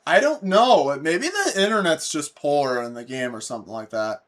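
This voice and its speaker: A man streaming a game, chatting casually, rambling and correcting himself, swearing often and getting excited. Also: on the high side, normal speed. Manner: excitable, bursts into laughter. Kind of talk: casual gameplay commentary.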